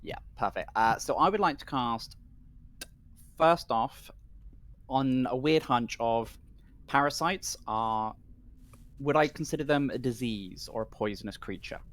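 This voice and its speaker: A man's voice: medium pitch, measured pace, pauses often, fairly bright tone. A man chatting casually as a player in a tabletop role-playing game, asking rules questions and declaring moves.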